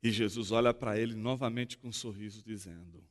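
A man with a Brazilian Portuguese accent preaching a sermon as a pastor, expressive and fond of rhetorical questions. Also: lowish voice, a little fast, long reverb tail. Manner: expressive, acts out dialogue and asks rhetorical questions.

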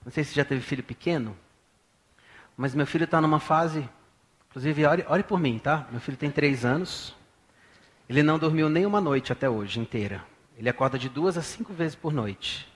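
A pastor in his thirties from Brazil preaching a sermon in a church, swinging from hushed talk to loud bursts. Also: on the high side, moderate pace.

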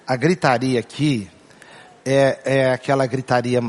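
A man's voice: mid-range voice, little pitch movement, unhurried. A man with a Brazilian Portuguese accent, a pastor giving a humorous sermon, joking with the congregation and repeating his key points. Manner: playful, acts out family voices and jokes with the crowd; asks the congregation questions and repeats key phrases.

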